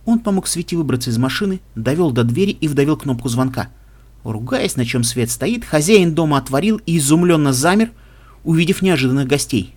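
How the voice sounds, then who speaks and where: A man narrating an audiobook in a steady, even storytelling manner. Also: on the high side, brisk.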